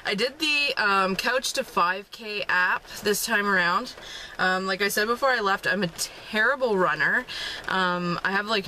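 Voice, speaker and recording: A fitness vlogger in her twenties talks casually to a camera held at arm's length from a parked car while rain falls outside. Her mid-range voice has a sharp tone, and she sounds upbeat and rambling, full of ums and little laughs. The audio is poor, with slight background noise.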